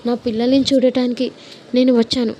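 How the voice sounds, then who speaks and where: A woman's voice: a little high, level tone, brisk, warm tone, muffled recording, slight background noise, lightly acted. A woman voicing an arrogant, mocking young mother who plays the villain in a read-aloud story. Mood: haughty. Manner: haughty, mocking.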